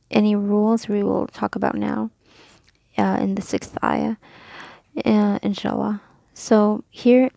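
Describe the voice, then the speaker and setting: Patient woman teaching with a dark, gravelly voice. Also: mid-range voice, no room sound. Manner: patient, methodical, with frequent ums and self-corrections. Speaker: Quran reading teacher. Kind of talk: casual recorded lesson, explaining rules step by step.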